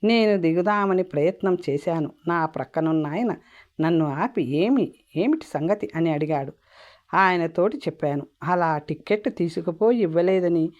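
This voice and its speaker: Female audiobook narrator, lowish voice, plain storyteller delivery, muffled lo-fi recording. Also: moderate pace, a little mellow. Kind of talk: storybook reading. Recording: dull lo-fi audio.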